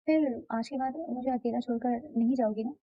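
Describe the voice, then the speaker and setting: A woman's voice: on the high side, steady tone, moderate pace, close to an everyday voice. A woman doing a teasing, possessive young husband. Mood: teasing, tender. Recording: dull, slightly muffled dry recording.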